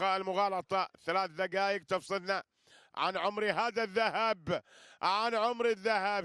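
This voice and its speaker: A man calls a live wrestling match in a high-pitched, sharp, clean voice, recorded in a clean studio with no room sound. As a sports commentator, he repeats phrases and addresses listeners with flourishes.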